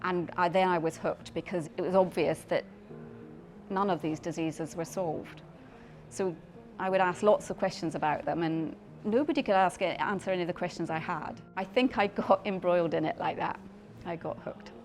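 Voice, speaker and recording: Faint music plays behind a middle-aged woman with a lowish voice speaking at a moderate pace. She is a clinician scientist in paediatric dermatology, Scottish-born and Belgian-raised, explaining thoughtfully in a profile interview while repeatedly restarting and echoing her own words.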